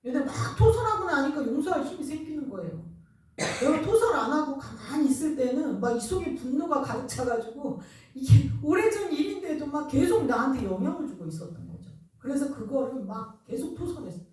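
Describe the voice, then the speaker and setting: A woman's voice: sits high, animated, brisk, darkish tone. A woman pastor preaching a sermon in a conversational way, telling personal stories with laughter, in a church sanctuary. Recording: very echoey hall, voice from a distance.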